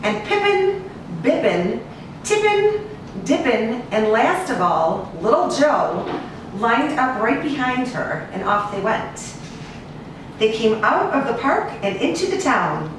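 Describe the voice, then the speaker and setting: An American woman who works as an animal cruelty investigator and rescue agent reads a children's storybook aloud to kids. Her fairly high voice is expressive and sing-song, listing things with drawn-out repeats. She is away from the mic in an echoey indoor room, so the recording is distant, very echoey and hissy.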